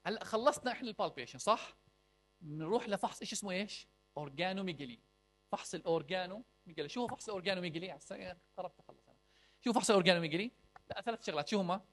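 A young man teaching a clinical medicine class, quizzing students with rhetorical questions and mixing in English medical terms. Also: high voice. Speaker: medical lecturer.

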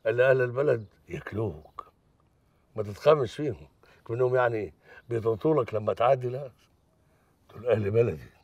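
An actor with an Egyptian accent playing a defiant village sheikh who calmly lectures a foreign general. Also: male voice, mid-range voice, no room sound, distant mic. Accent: Egyptian Arabic. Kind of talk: Egyptian TV drama acting.

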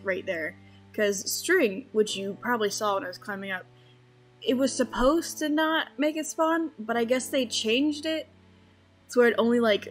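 A woman giving casual, rambling gameplay commentary, chatty and full of fillers. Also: medium pitch. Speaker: Minecraft let's-player.

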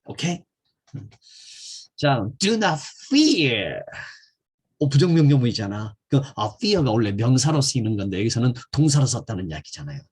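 A man from South Korea teaching an English grammar lesson built around Bible verses. He reads English phrases very slowly and deliberately, and his voice swings from loud stressed English words to soft encouragement. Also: mid-range voice, big pitch swings, husky.

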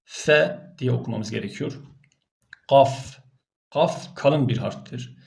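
A man's voice: mid-range voice, a little slow, vocal fry. A man teaching Arabic letter sounds for Quran reading, repeating each sound aloud patiently.

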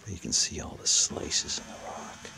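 Talking at normal speed, a man paddles his kayak along a rocky lakeshore on the hunt for a lake monster. He narrates to the camera casually in first person, excited and frequently whispering. The outdoor camera audio includes water and paddle sounds.

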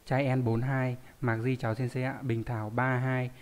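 A man's voice: medium pitch, little pitch movement, normal speed. A man teaching a live online lesson, reading out viewer names and explaining word readings with frequent rhetorical questions. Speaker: Japanese teacher.

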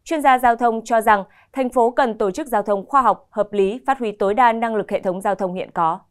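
A young woman anchoring the news in a TV studio with a crisp, formal delivery. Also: fairly high pitch, moderate pace.

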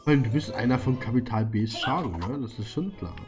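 A man's voice: mid-range voice, lively intonation, a little fast, over music. A man giving casual let's play commentary, playful and often muttering to himself as he goes.

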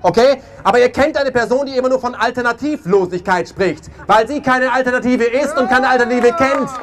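A very high, brisk male voice delivers a passionate protest speech at an outdoor peace rally. He presses his points emphatically, often ending with "ja?", while a crowd murmurs faintly.

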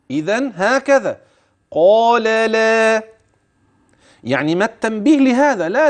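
A man with an Egyptian accent teaching tajweed, slowly drawing out words to demonstrate pronunciation between explanations and asking the listener questions. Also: sits high. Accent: Egyptian Arabic. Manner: asks the listener questions and answers himself. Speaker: Quran recitation teacher. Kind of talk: tajweed lesson on a religious TV channel.

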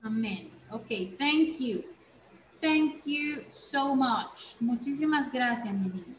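A woman teacher giving an online reading class, speaking slowly and checking in with frequent questions, mixing Spanish and English. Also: high voice, expressive, roomy sound, a little hiss or hum, poor audio. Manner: slow, repeats "¿ok?" often, switches between Spanish and English.

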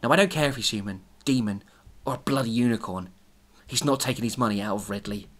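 A woman reading a cold, threatening male ninja in a quiet, menacing voice. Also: medium pitch, quick pace, lightly acted.

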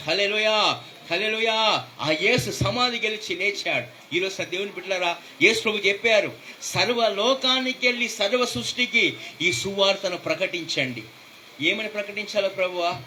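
A man's voice: high voice, a little slow, pushed and bright, slight background noise. A man preaching a fervent sermon as pastor, calling out hallelujahs throughout.

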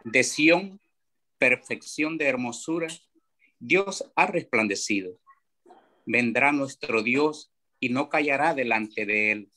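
A man reads a psalm aloud at an evening church service, his tone bright and forceful. He keeps a slow, solemn pace throughout. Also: mid-range voice. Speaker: psalm reader. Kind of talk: liturgical psalm reading.

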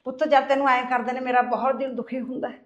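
Woman as a high-voiced coaxing mother. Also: little pitch movement, quick pace, reverberant, muffled recording, lightly acted. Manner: coaxing, confiding, calls him "putt". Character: scheming mother, coaxing her son.

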